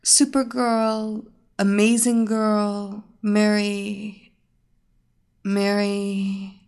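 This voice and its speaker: A woman voicing a seductive, taunting blonde psychic who speaks slowly and teasingly. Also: mid-range voice, little pitch movement, a little mellow, clear, resonant tone. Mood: entranced. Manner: slow, sultry, teasing.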